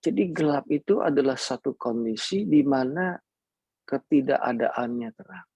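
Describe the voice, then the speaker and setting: A man's voice: medium pitch, expressive, normal speed, creaky, warm tone, breathy edge, no room sound. A man preaching a sermon, telling personal stories in a playful way and mixing in English words.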